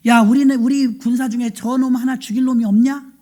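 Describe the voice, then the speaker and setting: A woman pastor voicing a worried king who gently but firmly refuses a boy. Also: a little high, fairly even intonation, fairly quick, lightly acted. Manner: soothing refusal.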